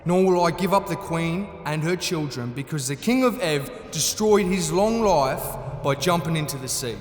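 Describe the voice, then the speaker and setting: A man's voice: a little high, lively intonation, moderate pace, slight background noise, natural voice. An actor playing a theatrical, mock-genial Gnome King in a fantasy audio drama, effusively polite and gloating. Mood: patronizing. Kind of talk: full-cast fantasy audio drama acting. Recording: echoey cavernous hall, music underneath.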